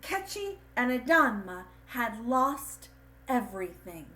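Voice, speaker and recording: A woman who reads stories to children and teaches at church speaks in a fairly high, very animated voice, slow and pushed, with a bright edge. She reads aloud and chats with kids in a simple, encouraging, teacherly manner. The mic is distant, giving a roomy sound with faint noise.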